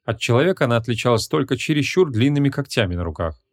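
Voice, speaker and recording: A man narrating a humorous fantasy audiobook in a measured, expressive reading. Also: mid-range voice, no room sound, clean studio sound.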